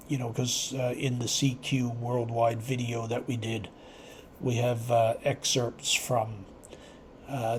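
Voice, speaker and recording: This is the host of an amateur radio channel, a man of medium pitch, chatting loosely and reflectively with his subscribers in an unplanned, stop-start way that wanders. Steady background noise sits under an otherwise clear recording.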